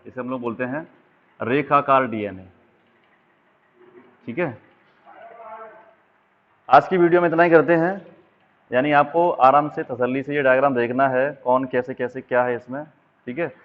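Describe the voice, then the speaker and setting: Man teaching over a tinny line. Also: medium pitch. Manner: explaining while drawing diagrams, frequent check-ins. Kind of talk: exam-prep biology lesson. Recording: tinny phone-like sound.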